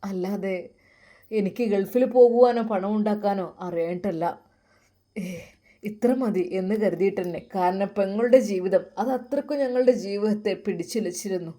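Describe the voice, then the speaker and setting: A woman's voice: medium pitch, moderate pace, warm tone, natural voice. A woman voicing a hurt, determined young man in a Malappuram Malayalam accent. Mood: resentful. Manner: earnest and resentful.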